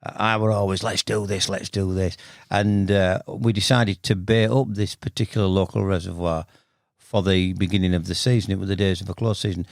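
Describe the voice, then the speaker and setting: A man in his sixties with a low, gravelly voice and a Bradford accent. He talks bluntly and colloquially, like a mate across the table, telling stories in a casual interview. The sound is close and dry. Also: little pitch movement, fairly quick, dry recording. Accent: Bradford Yorkshire. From Bradford, Yorkshire, northern England. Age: 60s. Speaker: podcast guest, veteran carp angler.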